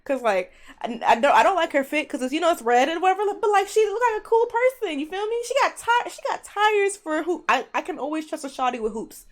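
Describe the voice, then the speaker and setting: A young woman streaming a game live, chatting in an animated, slangy, blunt way at her streaming microphone. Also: very high-pitched, quick pace. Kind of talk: casual live gameplay commentary.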